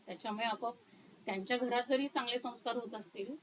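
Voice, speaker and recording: A woman counselor talking through her career in an interview, slow and thoughtful with many pauses. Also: on the high side, steady tone, noisy background.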